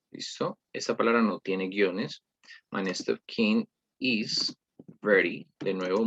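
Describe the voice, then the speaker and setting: This English teacher reviews a workshop in a screen-recorded lesson, his lowish voice fairly bright in tone. He explains patiently, keeps saying "¿listo?", and corrects himself mid-sentence. The recording is muffled, with slight background noise.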